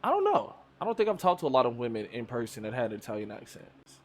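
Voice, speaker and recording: A man from Chicago hosting a live stream, chatting casually in a loose, profane, animated way. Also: mid-range voice, quick pace. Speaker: streamer host. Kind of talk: casual chat.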